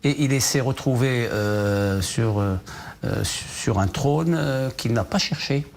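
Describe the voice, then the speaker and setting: Slight background noise accompanies a medium-pitched male voice that takes it slowly. He's a novelist from Morocco, a guest in a TV news studio interview, answering questions hesitantly with many fillers and restarts.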